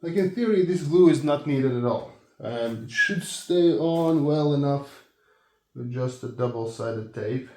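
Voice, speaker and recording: A man talking casually through a do-it-yourself car job. He is hesitant and self-deprecating and thinks aloud as he goes. The audio is a low-quality phone recording made without a microphone. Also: a little slow, a little mellow. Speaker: car vlogger. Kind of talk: casual DIY walkthrough. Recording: echoey, noisy phone recording.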